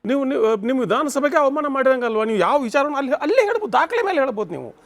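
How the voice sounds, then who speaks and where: A man with a Kannada accent argues his point on a TV debate panel with emphasis, dropping into English for key lines. His voice is unusually high and swings widely in pitch. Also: big pitch swings, rapid-fire. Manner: emphatic, mixes in English phrases, restarts. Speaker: political analyst, senior journalist. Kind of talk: debate commentary.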